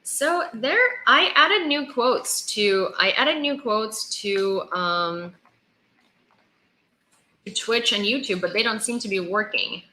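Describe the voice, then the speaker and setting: A Ukrainian woman with an American-sounding accent hosts a livestream, reading Ukraine war news and chatting informally with viewers, whom she thanks by name. Her versatile English has American-sounding vowels, and her voice is on the high side, slow, pushed and bright with lively intonation. The room is echoey.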